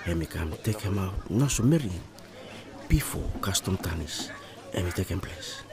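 A man's voice: low voice, expressive, moderate pace, gravelly, over a noisy crowd. A man with a ni-Vanuatu accent giving scripted documentary narration in Melanesian pidgin, much like Solomon Islands Pidgin. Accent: ni-Vanuatu Bislama, Melanesian pidgin similar to Solomon Islands Pidgin.

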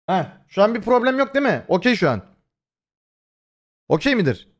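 A man's voice: high-pitched, big pitch swings, normal speed. A young man streaming live, talking casually to his viewers, swearing freely and rambling with many fillers. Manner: swears freely and addresses chat directly. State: voice has been hoarse lately. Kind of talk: casual livestream chat.

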